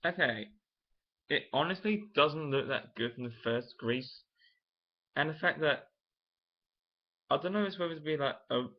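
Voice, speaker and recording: A man's voice: a little high, normal speed, long pauses. Rambling young man on a dull recording. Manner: rambling, thinking aloud with many restarts. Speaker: vlogger. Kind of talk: casual vlog chat.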